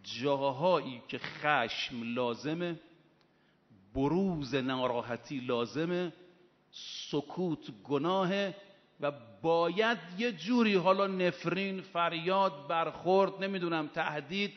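Emphatic male preacher in a reverberant hall. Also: a little high. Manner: emphatic, animated storytelling. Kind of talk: sermon. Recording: muffled, with long hall reverb.

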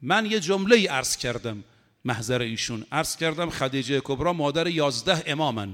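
A man's voice: medium pitch, lively intonation, a bit bright, in a large hall. A man preaching a religious sermon, impassioned and building to emphatic peaks. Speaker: cleric preacher.

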